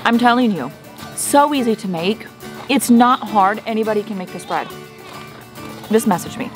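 A woman's voice: on the high side, animated, moderate pace, soft background music. A woman chatting enthusiastically to her viewers while she cooks at home and over an outdoor fire. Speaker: homestead vlogger. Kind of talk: casual cooking vlog chat.

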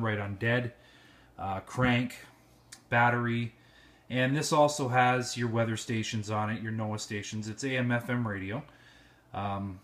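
A man with a mid-range, slightly bright voice gives an informal hands-on product review that rambles a little. He's in a room at home, recording on a handheld cell phone.

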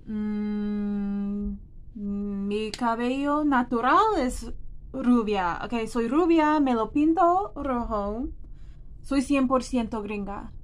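Drawing out her words in a voice on the high side, a vlogger in her thirties chats to camera. She's a native English speaker from New Jersey with an American accent, relaxed and expressive, recording in a small indoor room.

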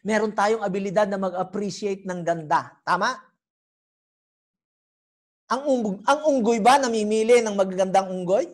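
A woman delivers a sermon in a lively way. She teases people in the pews and keeps throwing questions back at them. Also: mid-range voice, normal speed, long pauses. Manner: animated, teasing, keeps quizzing the congregation. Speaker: preacher. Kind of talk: sermon teaching.

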